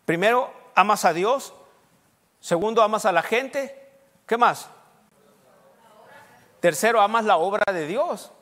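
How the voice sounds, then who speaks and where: Middle-aged man, pastor preaching, emphatic, high voice, long hall reverb. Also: lively intonation, slow, long pauses. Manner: emphatic, rising to loud peaks when listing points. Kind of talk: sermon.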